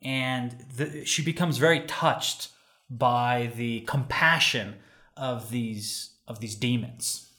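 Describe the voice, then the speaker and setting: A man's voice: medium pitch, slow, bright, forceful tone. A man casually retelling an ancient myth in conversation, with loose fillers and restarts.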